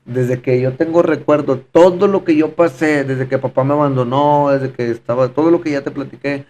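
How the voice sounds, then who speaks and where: A man's voice: mid-range voice, fairly even intonation, normal speed, darkish tone, slight background noise. A man giving a fervent, repetitive personal testimony in conversation, often calling his listener brother. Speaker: podcast guest giving testimony.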